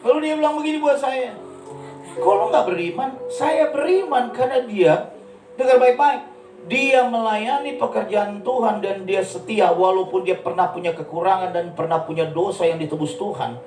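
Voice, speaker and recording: A man preaching a sermon, telling stories with lively acted-out quotes. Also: high-pitched, moderate pace, reverberant, far from the mic, faint music behind, low-quality recording. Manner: animated storytelling, acts out quotes. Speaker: pastor. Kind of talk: sermon with storytelling. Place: church.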